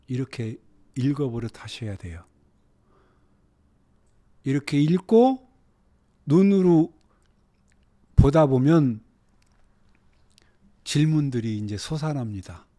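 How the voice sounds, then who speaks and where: A man teaching a Bible lesson, dropping to hushed low phrases and then rising into urgent exhortation, with Hebrew words read out slowly. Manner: slow, drawn-out reading of Hebrew words.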